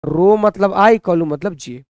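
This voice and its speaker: A man's voice: high voice, unhurried, a little mellow, no echo, clean studio sound. A man teaching a maths lesson, who keeps asking the students questions and answering them himself.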